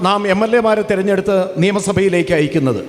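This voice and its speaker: A man's voice: high-pitched, a little fast, long reverb tail. Formal man interpreting at a rally. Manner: formal, declamatory, repetitive phrasing.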